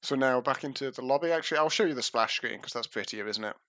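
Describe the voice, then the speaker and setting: A man's voice: medium pitch, fast talker, sharp tone, no echo, highs cut off. A man casting an esports match live, with casual, self-mocking patter, heard through a livestream headset microphone. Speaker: esports caster. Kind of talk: live game commentary.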